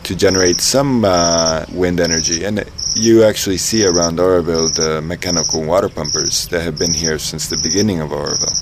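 An Ecuadorian engineer and dance teacher is interviewed casually outdoors, with loud crickets and insects behind him. He has a deep voice and speaks briskly with few pauses, yet sounds thoughtful, using many fillers and restarts.

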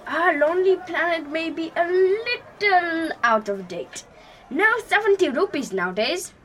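A woman's voice: very high voice, expressive, measured pace. A woman playing an eager, deferential Indian male tour guide with an Indian accent and polite broken English, in a comedy drama. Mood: apologetic, placating.

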